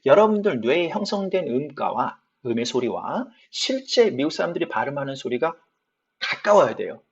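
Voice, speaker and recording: A man teaching English pronunciation in an online lesson, explaining patiently and repeating example phrases slowly. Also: on the high side, husky, dull audio.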